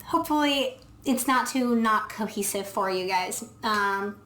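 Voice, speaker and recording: A woman's voice: mid-range voice, a little slow, fairly bright tone, a little hiss or hum. A woman veterinarian casually reviewing dog food on camera, explaining step by step as she thinks aloud with frequent ums. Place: indoor room, filming herself. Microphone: camera mic. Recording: echoey room.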